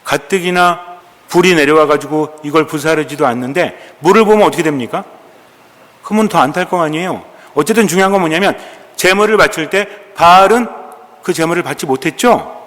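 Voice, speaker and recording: Priest giving a sermon, kinda high voice, chatty q-and-a style with the congregation, big echoey church. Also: male voice, a little fast. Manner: storytelling, asking the congregation questions and answering them; colloquial and animated, acting out quoted dialogue. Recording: long echoing church reverb.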